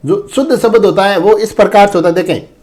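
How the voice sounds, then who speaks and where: A man teaches an exam-prep spelling lesson in a high, fast, slightly mellow voice. He speaks repetitively, keeps calling his viewers friends and brother, and often says "dekhen".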